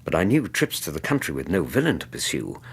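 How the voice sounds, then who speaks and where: A loyal English doctor in a radio drama, with a low, husky voice. His delivery is measured and gentle, rising and falling expressively as he cares for his old friend. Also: big pitch swings, exaggerated voice. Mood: grave, reflective. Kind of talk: radio drama acting and narration.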